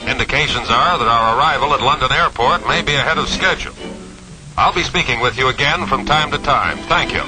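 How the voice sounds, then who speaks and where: Casting: male actor as a steady jet captain giving a cabin announcement, measured and formal, music behind. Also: medium pitch, close to an everyday voice, poor audio. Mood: calm. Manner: calm, measured, formal address to passengers. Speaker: airline captain. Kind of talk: cabin announcement over the intercom.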